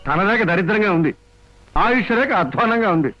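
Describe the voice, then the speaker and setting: An actor playing a sly fake palm reader who sweet-talks a woman, in an old film. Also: high voice. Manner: slow, sweet-talking and flattering. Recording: muffled old film soundtrack with music.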